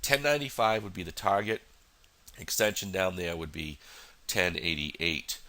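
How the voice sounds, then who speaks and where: Male trader, very low pitch, nasal from a cold, rambling casual chart walkthrough. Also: moderate pace, bright, forceful tone. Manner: rambling, many fillers and restarts. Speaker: futures trader. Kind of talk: casual market analysis walkthrough.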